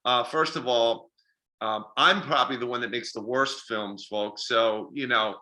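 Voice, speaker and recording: A man's voice: medium pitch, a little slow. A middle-aged man, a filmmaker and festival organizer, telling stories in a casual interview, self-deprecating and acting out quoted conversations. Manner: animated, self-deprecating, acts out quoted dialogue.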